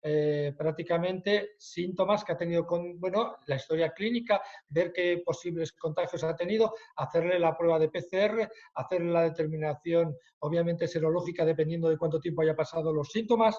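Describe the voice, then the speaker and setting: A man's voice: on the high side, darkish tone, lo-fi sound. A man with a Spanish accent answering questions as a medical expert in a webinar, with many hesitations. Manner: hesitant, many fillers, then quick explanations.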